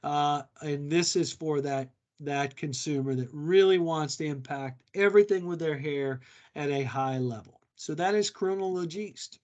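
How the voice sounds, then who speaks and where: A man's voice: on the high side, measured pace, a little mellow, muffled recording. A man giving a conversational product training talk, explaining hair care products with frequent fillers. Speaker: product educator.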